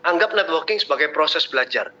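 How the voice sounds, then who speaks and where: A man with a high, bright voice speaks in an emphatic, teasing way as he gives a motivational talk. His delivery is lively, and the sound is dull lo-fi webinar audio. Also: brisk. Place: online webinar.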